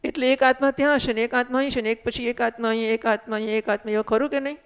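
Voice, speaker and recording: A woman's voice: on the high side, steady tone, racing, clean tone. A woman giving a spiritual discourse, explaining patiently and putting questions to her listeners. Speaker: spiritual teacher. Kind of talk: Vedanta discourse. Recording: echoey hall recording.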